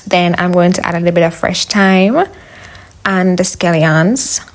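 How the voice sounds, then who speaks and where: A woman's voice: lowish voice, little pitch movement, unhurried. A woman with a Jamaican accent giving a chatty, instructional voice-over as a home cook talking to her viewers. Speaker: home cook, video host. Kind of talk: casual cooking voice-over.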